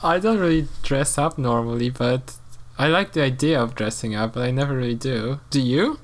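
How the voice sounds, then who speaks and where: A man with an Eastern European accent in casual conversation, chatty and quick to laugh, often trailing off and restarting his sentences. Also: mid-range voice. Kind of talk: casual chat.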